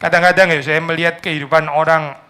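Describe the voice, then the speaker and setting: A man preaching a sermon in a conversational way, swinging from loud mock complaints to soft asides. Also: fairly high pitch, little pitch movement, quick pace. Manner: conversational, tag words like "ya" and "gitu". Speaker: pastor.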